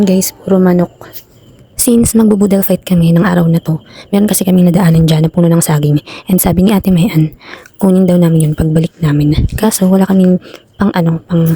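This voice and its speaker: A woman's voice: lowish voice, mellow. A Filipino woman giving a chatty, playful voice-over narration for her vlog, addressing her viewers. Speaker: vlogger.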